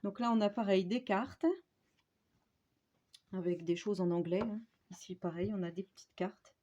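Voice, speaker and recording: A woman with a Franche-Comté accent talks through a casual crafting haul vlog. Her tone is mellow and warm, and her talk is chatty and full of small fillers and tag words. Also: mid-range voice, steady tone, normal speed, dull audio. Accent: Franche-Comté French. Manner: chatty, with frequent "euh" and "hein" tags. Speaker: crafting YouTuber.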